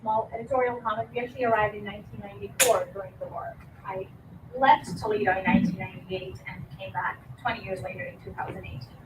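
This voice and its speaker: A woman in her forties from Bosnia giving a slide lecture, measured, with many fillers. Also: mid-range voice, fairly even intonation. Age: 40s. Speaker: guest speaker. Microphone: distant podium mic. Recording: echoey hall from far off, noisy.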